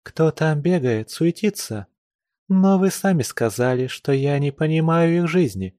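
A man reading a serene noblewoman, lightly ironic, lifted pitch, dry close audiobook sound. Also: expressive, a little slow, warm tone, no room sound. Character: calm composed young noblewoman cousin. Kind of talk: audiobook reading of a classic novel.

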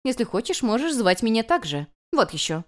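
A woman's voice: fairly high pitch, sing-song, brisk, pitched above the performer's own voice. Woman voicing a hot-tempered jealous young woman. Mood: indignant. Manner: sharp, indignant outbursts.

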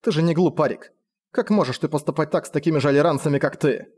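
A pleading, indignant young village woman, as a male narrator puts her on, lifted a little higher than his usual tone. Her lines stay urgent and earnest throughout the storybook scene. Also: fast, a little mellow, lightly acted. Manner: pleading, slightly raised voice.

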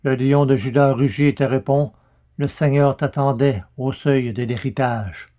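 A man's voice: mid-range voice, fairly even intonation, a little slow, dark tone, lightly acted. A man voicing a wrathful old prophet, declaiming curses in solemn, thundering verse.

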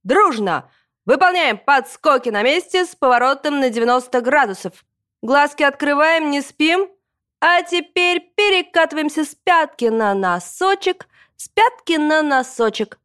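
A woman doing a shrill, bossy old gym teacher. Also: lively intonation, a little fast, dry recording, clean studio sound, close to an everyday voice. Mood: barking. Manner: barking drill commands.

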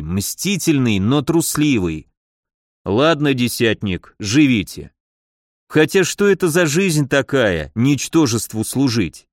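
A man's voice: mid-range voice, dry recording, studio quality. A man voicing a haughty, powerful prince in an audiobook, drawling with scorn.

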